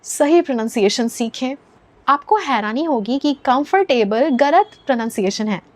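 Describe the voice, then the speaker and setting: A woman with an Indian accent, explaining English pronunciation in a scripted lesson and slowing down to model words. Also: sits high, lively intonation.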